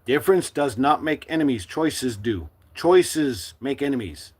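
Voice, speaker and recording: A middle-aged man from the United States speaking to his livestream viewers in a forceful, defiant, preachy monologue. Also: medium pitch, animated, unhurried, slightly rough. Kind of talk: impassioned live-stream monologue.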